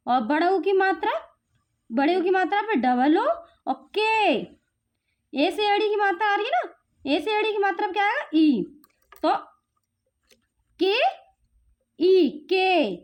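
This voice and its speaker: A woman from India teaching letter sounds and vowel marks to a child, slowly drilling with repeated questions. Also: very high voice, expressive. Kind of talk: home phonics lesson for parents.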